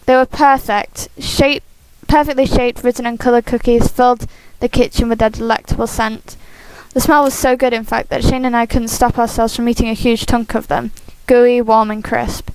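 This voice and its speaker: A woman hosting a game playthrough, reading a visual novel aloud expressively with casual asides, animated and giggly. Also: fairly high pitch, moderate pace, few pauses, clean tone, no echo, low-quality recording. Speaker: host of a game playthrough series.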